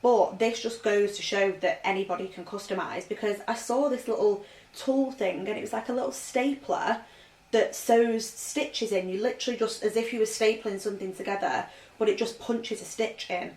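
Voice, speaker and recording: A woman's voice: mid-range voice, moderate pace, a little mellow. A woman chatting through a vintage clothing haul at home, rambling and filling her talk with "like". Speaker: fashion vlogger. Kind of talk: casual vintage haul vlog. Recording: roomy echo, voice from off-mic.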